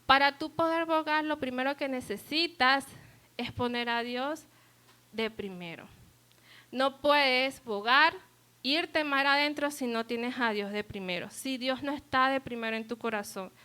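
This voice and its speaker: A woman's voice: sits high, a little slow, bright, forceful tone, clear, resonant tone. A woman preaching a sermon at a church service, earnest and asking the congregation rhetorical questions.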